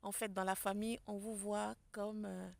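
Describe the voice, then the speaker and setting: Woman tarot reader, hushed and soft-spoken, slightly gravelly voice, mid-range pitch. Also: little pitch movement, normal speed. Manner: speaks softly and quietly. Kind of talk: spiritual tarot reading to camera. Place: public place outdoors with people nearby.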